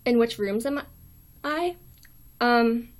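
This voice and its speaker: A woman's voice: fairly high pitch, takes it slowly. Weak, thin-voiced young woman chatting on livestream. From United States. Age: young adult. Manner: apologetic, hesitant. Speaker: live stream host. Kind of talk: casual livestream chat. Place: small dorm room.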